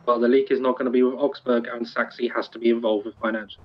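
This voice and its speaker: A man playing a police superior in a game roleplay, measured and firm yet apologetic. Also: medium pitch, flat delivery, dull audio.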